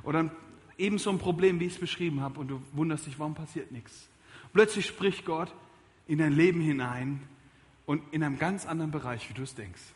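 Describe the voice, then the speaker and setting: A man preaching a sermon in church, emphatic and lively, moving between loud calls and quiet appeals. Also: on the high side, brisk, long reverb tail. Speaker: pastor. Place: church service.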